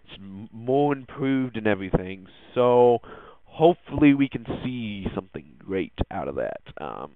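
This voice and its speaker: This young podcast host sounds very animated yet unhurried, his voice lowish, as he stumbles through a casual tech news monologue with frequent ums and restarts. There's no echo, just dry, lo-fi audio that resembles a phone.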